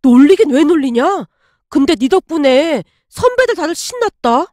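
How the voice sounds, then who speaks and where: A woman voicing a blunt, easygoing young office coworker who talks fast. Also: sits high, very animated, darkish tone, no room sound, clean studio sound. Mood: blunt excited.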